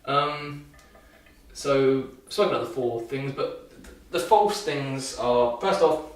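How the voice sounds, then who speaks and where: In a casual vlog, a young man reviews a film while shaving, talking loosely with many restarts and dry sarcasm. He speaks slowly in a mid-range voice with lively intonation. The room echoes and the mic sits far away.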